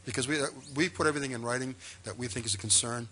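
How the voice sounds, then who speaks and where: A man's voice: medium pitch, very fast, pushed and bright. A man, a town official, answering a board's questions at a public meeting in an emphatic, reassuring, formal way.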